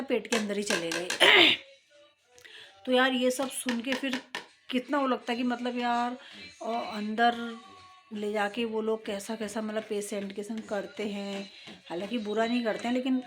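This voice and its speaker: A middle-aged woman vlogger talking casually and at length, with rambling, conversational storytelling and frequent throat clearing. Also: fairly high pitch. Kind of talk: casual chat.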